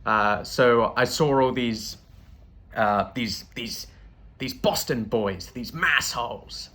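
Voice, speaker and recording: British male comic host, bright tone, rambling and deadpan. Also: medium pitch, slow. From Britain. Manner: rambling, self-interrupting, deadpan asides. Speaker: comedian host. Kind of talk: stand-up storytelling.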